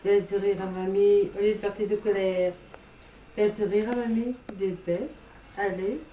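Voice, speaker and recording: A woman's voice: mid-range voice, fairly even intonation, mellow. Distant mother urging a baby, noisy. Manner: urging, brisk, repetitive. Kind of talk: coaxing an infant, casual family talk. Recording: distant roomy home camcorder audio, noisy.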